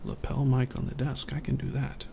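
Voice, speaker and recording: A man speaks softly in an ASMR stream, his voice low-key and gravelly with a touch of fry. He rambles in a relaxed way and chats with his viewers from his desk. A steady hiss of ambience sits under the recording. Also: moderate pace. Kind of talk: soft-spoken ASMR chat.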